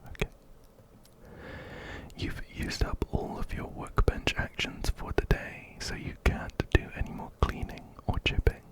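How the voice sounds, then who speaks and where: A man whispers slowly for an ASMR game stream, his voice a breathy, unvoiced whisper captured ear to ear on a close-up binaural mic. The recording is low quality, and he plays and reads aloud gently and unhurriedly, softly repeating words.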